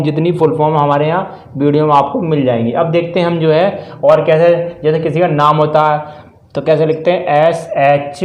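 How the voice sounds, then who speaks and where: Man teaching grammar in an echoey room. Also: fairly high pitch. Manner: spells words letter by letter, repeats "ठीक है" often. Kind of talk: grammar lesson explained step by step.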